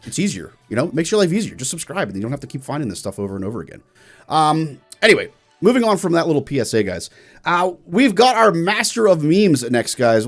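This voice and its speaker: A man co-hosting a gaming talk show, chatting casually and animatedly, calling the viewers guys. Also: mid-range voice. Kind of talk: casual chat.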